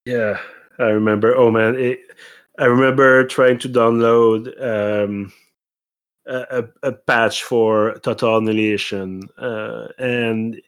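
A man co-hosting a podcast in casual chat, thinking aloud with frequent pauses. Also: medium pitch, little pitch movement, clean tone. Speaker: podcast co-host.

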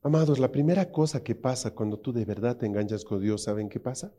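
Give me a man preaching a sermon with emphatic force. His voice sits at a middle pitch. He keeps turning to the congregation with rhetorical questions. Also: quick pace, mellow.

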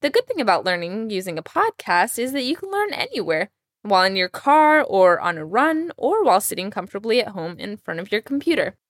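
A woman born in Iran whose first language is Persian, teaching a scripted podcast language lesson with clear, upbeat delivery and slow modelling of words. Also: mid-range voice, very animated, dry recording, studio quality.

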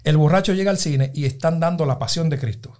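A man's voice: a little high, quick pace, a little mellow. A man on a podcast, teasing the others and telling jokes. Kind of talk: casual chat.

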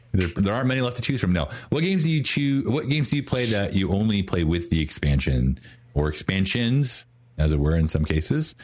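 Man with a very deep voice. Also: a little mellow. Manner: easygoing, self-deprecating, chatty. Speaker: co-host. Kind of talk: casual chat.

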